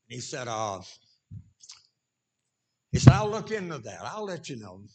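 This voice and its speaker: A man with a Southern US accent and a raspy voice preaching an informal sermon in a folksy drawl, talking directly to his congregation. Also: mid-range voice, sing-song, measured pace, a little mellow. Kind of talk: informal sermon with jokes and shouts of praise.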